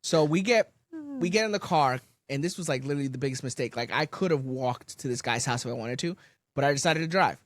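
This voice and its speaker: A young man, casually telling a story on a podcast, animated and swearing, loudly acting out quotes. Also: medium pitch, quick pace, no echo. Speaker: podcast co-host.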